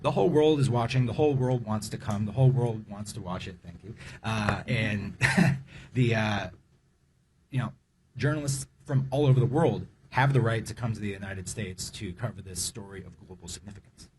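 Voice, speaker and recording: A man's voice: fairly low pitch, normal speed, darkish tone, slight background noise. A man speaking at a press conference, emphatic and repeating phrases to drive his point home.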